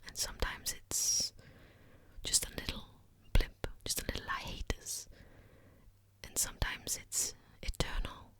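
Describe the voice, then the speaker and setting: A woman chats in a casual ASMR style, entirely in a breathy whisper. She takes her time, often repeating a word softly. The microphone is very close, so the whisper sits right at the listener's ear. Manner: slow, gentle pacing with repeated words. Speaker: ASMR content creator. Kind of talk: ASMR whispered rambling chat.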